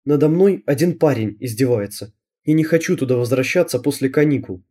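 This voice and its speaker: A man voicing a tearful teenage schoolgirl who pleads desperately in a high, strained voice. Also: fairly quick, warm tone, natural voice. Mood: upset.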